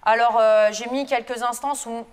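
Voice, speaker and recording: A woman's voice: a little high, fairly even intonation, moderate pace, clean tone, big-room sound. A French woman, a lecturer and researcher, giving a chatty, informal conference talk to students with frequent hesitations. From France. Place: lecture hall.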